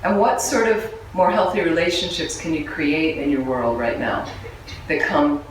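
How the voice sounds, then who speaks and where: A woman's voice: low voice, normal speed, distant mic, slight background noise. Woman teaching in a very echoey room. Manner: conversational, humorous, asks the audience questions. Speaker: Buddhist nun and teacher. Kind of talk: dharma talk to a live group. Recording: echoey room, voice from away from the mic, faint background ambience.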